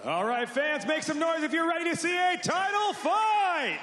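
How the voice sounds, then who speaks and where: High bright ring announcer guy hyping the crowd, big echoey hall. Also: animated, background noise. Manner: booming, drawn-out crowd-hyping calls. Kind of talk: fight announcing. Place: indoor fight arena. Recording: echoey arena with long reverb.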